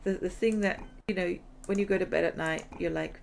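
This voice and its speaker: Brisk and fairly even in intonation, this woman's low-leaning voice carries vocal fry, with a little hiss or hum in the recording. A middle-aged gaming channel host, she rambles and laughs often during casual gameplay talk while losing her voice.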